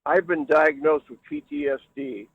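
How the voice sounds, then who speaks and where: A man's voice: fairly high pitch, steady tone, moderate pace, slightly rough, no room sound. A man calling in to a talk show on a choppy cell phone line that keeps breaking up, repeating himself and checking if anyone is still there. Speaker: caller. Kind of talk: call-in talk radio.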